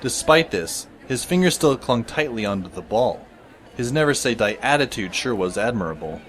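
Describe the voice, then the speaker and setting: Over background music and a faint crowd, a man's animated, slightly bright mid-range voice narrates an audio drama in first person at normal speed, sounding close to everyday speech. He plays a teenage schoolboy who is wry, intent and observant, describing things at length.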